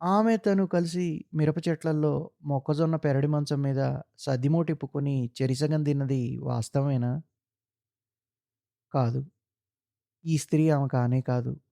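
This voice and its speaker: A man reading a literary short story aloud in a measured, solemn narration. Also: a little high, fairly even intonation, creaky, mellow, no room sound, studio quality.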